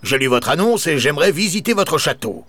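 A man's voice: a little high, sing-song, brisk, fairly bright tone, pitched above the performer's own voice. Baron Grogne-Bougon, a man doing a grumpy baron. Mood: polite. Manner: haughty, curt. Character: grumpy little baron who hates children.

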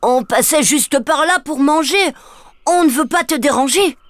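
A woman's voice: high-pitched, unhurried, no room sound, pitched above the performer's own voice. A woman voicing a small, always-hungry boy ogre who sounds sheepish and eager, in a storybook.

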